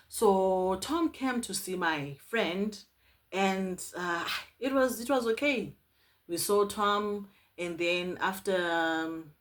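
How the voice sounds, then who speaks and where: A young woman vlogger from South Africa telling a personal story to camera in an earnest, animated way, often pleading and repeating herself. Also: fairly low pitch.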